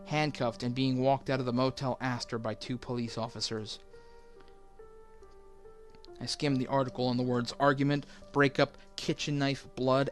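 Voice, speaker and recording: A man reads a first-person horror story at an even, somber pace, his voice sitting mid-range for a man. Soft music plays low underneath. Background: faint background music.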